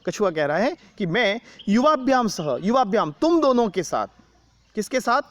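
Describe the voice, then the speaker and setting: A man's voice: sits high, sing-song, moderate pace, fairly bright tone. A man teaching an online Sanskrit lesson, explaining each word in Hindi with a Rajasthani Hindi accent, patiently repeating words and asking questions. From India.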